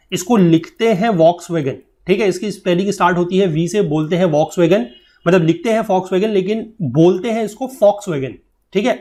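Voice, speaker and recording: A man's voice: high-pitched, a little mellow. A man teaching a geography lesson for exam preparation, explaining patiently and often checking that students follow. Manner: explains patiently, checks understanding with tag questions; mixes English textbook lines into Hindi explanation. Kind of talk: exam-prep lecture.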